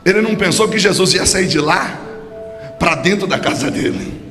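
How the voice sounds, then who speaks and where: A Brazilian pastor delivering a fervent sermon, his voice pitched high for a man. It rings through a large church hall with a long echo, and music plays clearly beneath him. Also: animated, normal speed. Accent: Brazilian Portuguese. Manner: fervent preaching, building to shouts. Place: church service.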